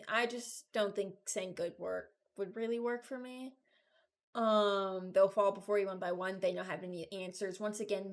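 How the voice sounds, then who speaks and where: A gaming video creator, a woman in her early twenties, offers casual, unscripted commentary, rambling as she thinks aloud. Her voice is mid-range.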